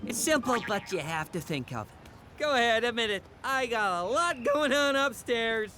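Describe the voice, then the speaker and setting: A woman's voice: a little high, animated, moderate pace, noisy background, natural voice. A woman voicing a boastful, scheming young man in a cartoon, brash and goofy. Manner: brash, full of himself, goofy. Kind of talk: cartoon dub acting. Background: music.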